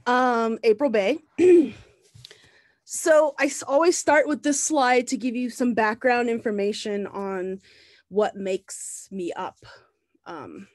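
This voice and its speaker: A woman in her thirties, raised in the Bahamas, speaks slowly in a highish voice, giving an easygoing slide lecture as a visiting artist over a video call. Her speech has many ums and restarts, and the sound is clean studio audio with no room sound.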